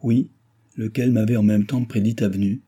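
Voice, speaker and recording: A man's voice: on the low side, fairly even intonation, moderate pace, mellow, slightly rough. A man voicing a proud, scornful elderly baron who hurries his son along with blustering urgings. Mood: wry.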